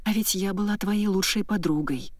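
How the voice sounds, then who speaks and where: A woman reading the part of a badly injured young woman in grief, in a flat, colourless, weak but merciless voice. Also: mid-range voice, moderate pace, dry recording, clean studio sound, voice pushed up, natural voice. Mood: flat, bitter. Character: injured young woman, grieving, cold and bitter.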